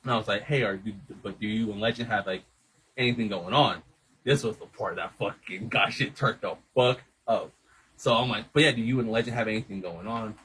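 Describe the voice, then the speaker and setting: Fast-talking low-voiced man telling a story. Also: husky, low-quality recording. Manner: rambling, animated retelling with lots of swearing and quoted dialogue. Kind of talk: casual storytelling chat.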